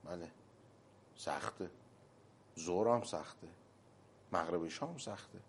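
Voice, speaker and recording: A man giving a religious talk, quoting Arabic phrases slowly with emphasis and acting out short stories. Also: low-pitched, a little hiss or hum. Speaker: cleric.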